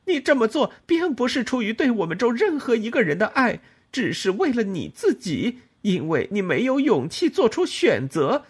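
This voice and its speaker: A man voicing a furious young woman who shouts cutting accusations in an audiobook. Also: sits high, big pitch swings, a little slow, hardly any pauses, breathy edge, pitched above the performer's own voice, full character voice.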